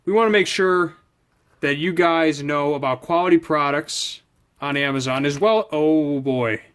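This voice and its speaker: A man hosting a product review channel rambles informally through an unscripted unboxing, thinking aloud as he handles items. His voice is a little high, a bit bright and smooth, at a measured pace.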